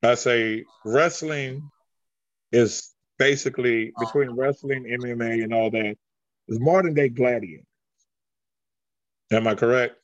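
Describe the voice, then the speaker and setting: A man who wrestles in a mask, answering interview questions with frequent halting restarts while searching for words. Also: medium pitch, dry recording, dull audio. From Greece. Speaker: masked wrestler.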